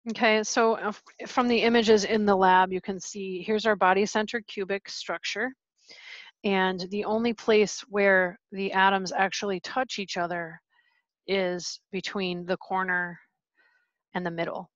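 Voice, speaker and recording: Her mid-range voice stays level and a little slow as she walks through a chemistry lesson in a screen recording made at home with her pet dogs. She explains casually and chattily. The audio has no room sound and the highs are cut off.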